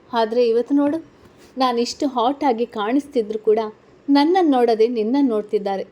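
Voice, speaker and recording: A woman's voice: a little high, dark tone, lightly acted. A woman voicing a breezy, glamorous college model. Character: confident, glamorous young woman model student. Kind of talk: storybook character reading.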